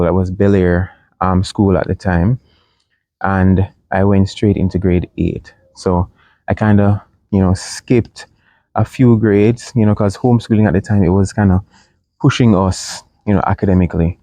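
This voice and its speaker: A young man, reserved and halting, co-hosting a casual chat and recalling his schooling. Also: deep voice, fairly even intonation, mellow, dry recording. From Jamaica. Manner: reserved, halting with many ums. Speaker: co-host of a couple's channel.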